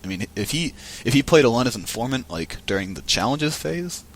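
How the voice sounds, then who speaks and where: A man's voice: mid-range voice, very animated, fairly quick. A man giving casual, chatty commentary on a card game match, thinking aloud as he goes.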